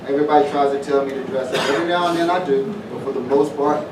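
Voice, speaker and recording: A middle-aged former pro football player from southwest Virginia speaks fast in a medium-pitched voice, announcing a festival at an evening community event. His informal, folksy remarks repeat phrases, and the distant mic picks up a roomy, noisy space.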